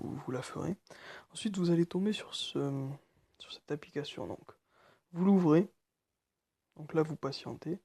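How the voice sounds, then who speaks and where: A nervous man walking through a phone tutorial, speaking quietly and haltingly with many fillers. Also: on the high side, gravelly, slightly rough, dry recording. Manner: speaking quietly late at night. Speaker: tutorial maker. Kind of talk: screen-recorded phone tutorial.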